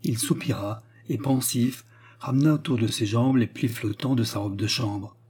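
A man narrating an audiobook in a measured, deliberate reading. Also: mid-range voice, a little mellow, husky. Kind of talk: scripted narration.

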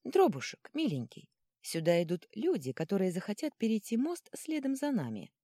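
A woman's voice: mid-range voice, wildly swooping pitch, normal speed, warm tone, no echo, clean studio sound, voice pushed up. A woman voicing a young female sorceress who pleads and calls out urgently. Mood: pleading.

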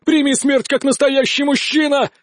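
A man voicing an arrogant, cowardly noble duelist in an audiobook, shouting, bragging and begging by turns. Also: very high voice, flat delivery, moderate pace, dry recording, clean studio sound, voice pushed up. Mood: furious. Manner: shouting, boastful then pleading. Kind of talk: audiobook character voice.

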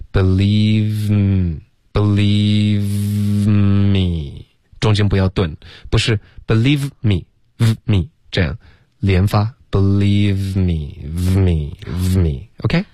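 Man, radio English teacher, repetitive drills, lowish voice, dry sound. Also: darkish tone, no echo. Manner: drills sounds by repeating them, mixes English into his Chinese.

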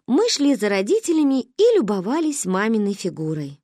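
Lively woman reading a storybook. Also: a little high, moderate pace, no echo, studio quality. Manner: lively, expressive telling. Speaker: audiobook narrator. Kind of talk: storybook narration.

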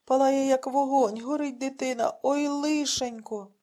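A woman's voice: sits high, fairly even intonation, measured pace, dark tone, voice pushed up. A woman voicing an old blind male bandurist who is breathless and pleading with worry. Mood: anxious telling. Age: older.

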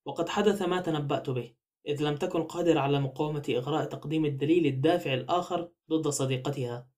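A man reading a novel aloud as an audiobook narrator, in a steady, even way. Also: on the high side. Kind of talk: scripted narration.

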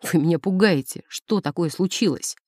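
A woman's voice: lowish voice, normal speed, darkish tone, no echo, studio quality, close to an everyday voice. A woman voicing a flustered village priest who stammers in fear and blusters with outrage, as in an audiobook. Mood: alarmed. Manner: stammering, frightened, then blustering. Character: flustered village priest, man, easily alarmed. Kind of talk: audiobook character voice.

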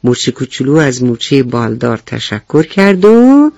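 A woman telling a bedtime story to children on the radio, gentle and clear, asking the little listeners questions as she goes. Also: a bass voice, big pitch swings, highs cut off, faint music behind.

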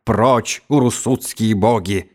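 Man doing a drunken raging Mongol khan, suspicious, erratic wails, lowish voice. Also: slow pace. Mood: wild, drunken.

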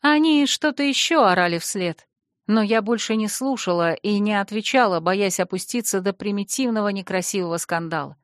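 A woman's voice: medium pitch, animated, moderate pace, no room sound, clean studio sound. Woman narrating a fantasy audiobook.

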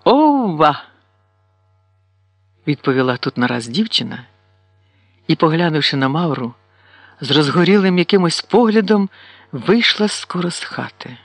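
A man reading a classic novel aloud, with measured, expressive narration. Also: fairly high pitch, dry recording. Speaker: audiobook reader.

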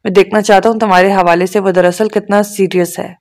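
A woman's voice: mid-range voice, level tone, darkish tone, lightly acted. A woman reading as an offhand, teasing young man. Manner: offhand, dry, unbothered. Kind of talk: audiobook dialogue reading.

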